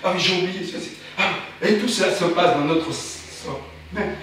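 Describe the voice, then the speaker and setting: A man performing a theatrical spoken-word monologue, chanting and repeating words frantically, asking himself quick questions and answering them, swinging between loud outbursts and hushed muttering. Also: high voice. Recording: very roomy, distant, faint background hiss.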